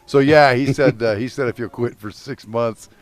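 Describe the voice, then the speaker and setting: A man's voice: medium pitch, fairly even intonation, moderate pace, soft background music. A man co-hosting a podcast in casual chat, rambling through stories and swearing freely. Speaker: podcast co-host.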